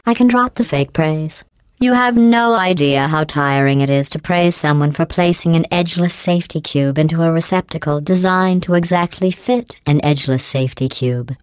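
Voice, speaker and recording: A woman voices a cold, sarcastic female AI overseer in a video game, delivering deadpan, mocking praise. Her voice sits low and smooth, run through synthetic robotic processing, with no room sound.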